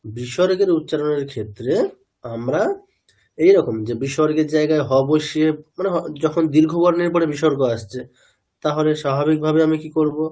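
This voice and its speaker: A male teacher, teaching an online chanting class over a video call, patiently checking that students follow and modelling each pronunciation slowly. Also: fairly high pitch, warm tone. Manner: patient, keeps checking understanding with tag questions.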